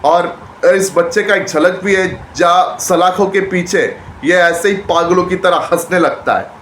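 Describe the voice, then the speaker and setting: A man reviewing a movie trailer in casual chat, retelling scenes excitedly and often repeating and restarting his phrases. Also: high-pitched, a little slow. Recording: echoey room with faint background noise.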